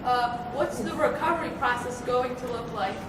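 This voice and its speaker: Echoey, high-voiced young girl parody news anchor. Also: moderate pace. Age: young adolescent, about 12 to 13. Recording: noisy, echoey room, distant mic.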